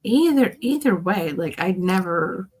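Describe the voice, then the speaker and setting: Lowish raspy lady just chatting, joking around, bit salty and rambly. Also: lively intonation, measured pace, darkish tone. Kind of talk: casual chat.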